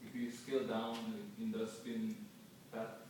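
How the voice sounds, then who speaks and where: A man in the audience asking hesitant, halting technical questions at a thesis defense. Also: fairly low pitch, little pitch movement, a little mellow. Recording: very echoey room, distant mic, clear noise.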